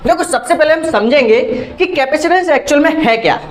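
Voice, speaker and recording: A man teaching a physics class online, repeating phrases and asking quick check questions as he explains, mixing in English terms. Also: extremely high pitch, lively intonation. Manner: mixes Hindi with English terms.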